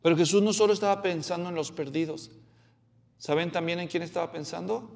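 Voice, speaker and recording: A man preaching an expository sermon. He talks in an animated way, asks the congregation questions and acts out the quotes. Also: high voice, brisk, vocal fry.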